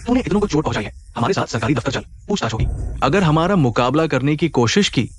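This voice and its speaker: A man's voice: fairly high pitch, animated, fast talker, a little hiss or hum, natural voice. A man doing a blustering cowardly bully. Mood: threatening. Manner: blustering, threatening, then pleading. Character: cowardly male bully, blustering then groveling. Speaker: dub voice actor. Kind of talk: Hindi drama dubbing.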